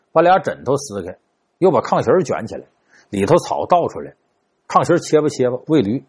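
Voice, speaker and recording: Husky man with wildly swinging pitch. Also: darkish tone. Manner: dramatic, rhetorical questions, big pitch swings. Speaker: storyteller. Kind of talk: traditional folk storytelling.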